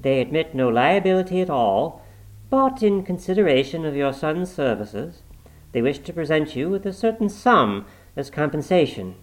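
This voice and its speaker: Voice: medium pitch, big pitch swings, moderate pace, pitched above the performer's own voice, lightly acted, rough recording. A narrator voicing a formal, apologetic male company messenger in a story, stiff and deferential. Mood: formally detached.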